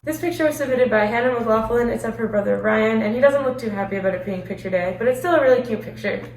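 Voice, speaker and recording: A teenage girl co-hosting a student news segment, briskly reading scripted captions. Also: a little high, a little mellow. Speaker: segment co-host. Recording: echoey room, distant mic, faint noise.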